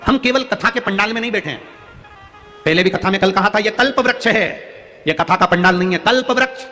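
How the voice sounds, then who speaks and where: Impassioned preacher man in echoing pavilion. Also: fairly quick. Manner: impassioned, rises to high emphatic peaks, repeats phrases. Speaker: preacher telling religious stories. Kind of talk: devotional sermon with storytelling. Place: large audience pavilion. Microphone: public address microphone. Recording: long hall reverb, soft music behind.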